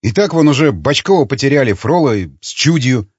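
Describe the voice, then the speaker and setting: A man voicing a defensive, argumentative community loyalist with a husky voice. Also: mid-range voice, expressive, brisk, dry recording. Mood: persuading. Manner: hectoring, argumentative. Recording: dull lo-fi recording.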